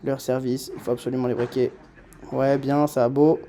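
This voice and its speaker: A young man doing a voice-over commentary on his own padel match, self-mocking and excitable, swinging from muttering to shouting. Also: medium pitch, moderate pace, a little hiss or hum.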